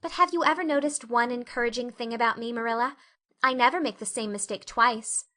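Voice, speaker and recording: A woman voicing an imaginative young orphan girl who talks in a high, breathless, dramatic way. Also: a little fast, pushed and bright. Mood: earnest.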